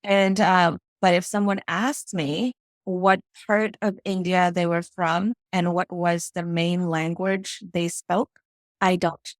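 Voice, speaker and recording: A woman's voice: on the low side, little pitch movement, takes it slowly, no room sound. A woman from Fiji, a financial strategist, speaking as a guest in a casual interview and telling her story reflectively, often checking in with "right?" and "you know".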